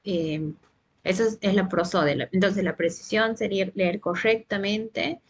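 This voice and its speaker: A woman's voice: mid-range voice, fairly even intonation, measured pace, slightly rough. Hesitant woman explaining reading skills. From Santiago del Estero, Argentina. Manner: explanatory, frequent hesitations and restarts. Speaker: literacy trainer for teachers. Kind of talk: teacher training presentation.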